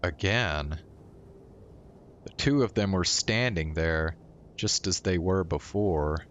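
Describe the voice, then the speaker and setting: A man streaming a visual novel, reading its narration aloud in a slow, even way. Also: low-pitched, a little hiss or hum.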